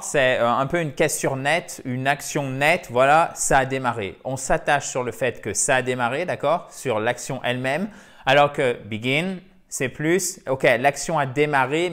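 A man's voice: on the high side, a bit bright. A man teaching an English grammar point in a video lesson, explaining patiently and checking in often with his viewers.

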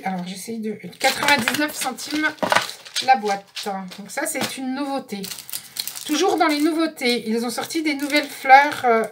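Casting note: chatty woman vlogger, slightly high voice, faint background hiss, self-correcting as she shows off items. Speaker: scrapbooking vlogger. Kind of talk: casual product haul.

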